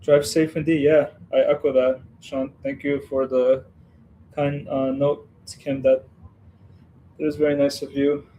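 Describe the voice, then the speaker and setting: A man's voice: medium pitch, flat delivery, measured pace, dull audio, slight background noise. A man from Western Ukraine hosting a casual building livestream, chatting and rambling with viewers as he works. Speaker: livestream host building a model set.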